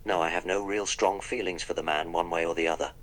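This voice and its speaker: In a text-to-speech role-play, a man voices the Doctor, a wry, polite, eccentric time traveller, narrating his own actions. His low-pitched voice is steady and a bit bright, he talks fast, and the audio is poor.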